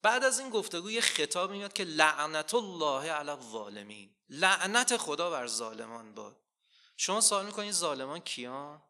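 A man preaching a sermon, asking rhetorical questions and slowly quoting scripture with rising emphasis. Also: fairly high pitch, very animated, bright, forceful tone.

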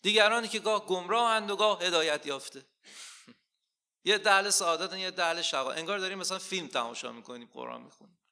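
Gravelly, bright-voiced male preacher. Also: sits high. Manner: rhetorical questions, slow quoting of scripture, rising emphasis. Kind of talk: sermon.

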